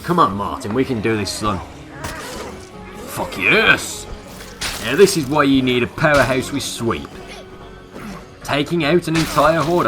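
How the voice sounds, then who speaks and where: Excitable gamer, bright voice. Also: male voice, mid-range voice. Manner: excitable, swears freely, talks to viewers as folks. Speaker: gaming commentator. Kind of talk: let's play commentary.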